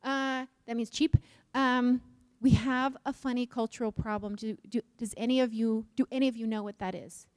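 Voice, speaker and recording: High-voiced woman giving a lively conference talk. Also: normal speed, smooth, dry recording, studio quality. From Utah. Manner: lively, questions the audience, jokes. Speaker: conference speaker.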